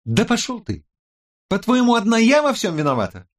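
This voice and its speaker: A man voicing a sharp-tongued, touchy young woman hacker in an audiobook, raised high above his own voice. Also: lively intonation, normal speed, close to an everyday voice. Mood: snapping. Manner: snappy, defensive. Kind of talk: audiobook character voice.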